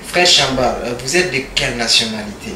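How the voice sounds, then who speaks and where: A man's voice: medium pitch, expressive, fairly quick, recorded from a distance, noisy background. A man hosting a radio interview, often echoing his guest's answers back with hesitant fillers. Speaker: radio host. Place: radio studio.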